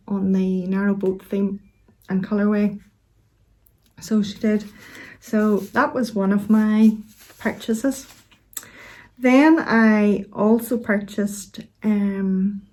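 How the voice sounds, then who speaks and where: A middle-aged woman with a Northern Irish accent chats casually as a vlog host, gently and unhurriedly, with hesitant pauses. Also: mid-range voice, rough recording. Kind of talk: casual chat to camera.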